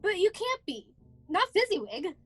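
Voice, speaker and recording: A woman's voice: extremely high pitch, big pitch swings, moderate pace. A woman playing a fearful, huffy old miserly lady in a radio play, with dramatic, pleading delivery. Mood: anxious. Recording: music behind, home video-call recording.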